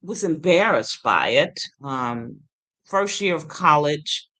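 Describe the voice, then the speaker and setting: A low-pitched woman in her sixties with a lateral lisp tells stories as an interview guest. She fills pauses with ums and springs into acted-out quotes. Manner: animated storyteller with many ums, acts out quotes. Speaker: guest, occupational therapist and singer. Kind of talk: casual interview chat.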